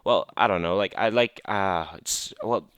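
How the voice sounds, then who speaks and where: Teen gaming vlogger with a low, clear voice: loose, rambling storyteller who says "like" a lot. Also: male voice, measured pace, a bit bright, dry recording. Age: teens. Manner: rambling, filler-heavy, laughing storyteller. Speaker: gaming channel host. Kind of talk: casual gameplay commentary storytelling.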